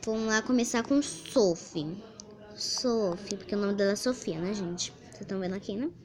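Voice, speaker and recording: A woman's voice: medium pitch, normal speed, crowd noise. A woman from Brazil vlogging casually, chatting straight to her viewers with lots of fillers while pranking a friend.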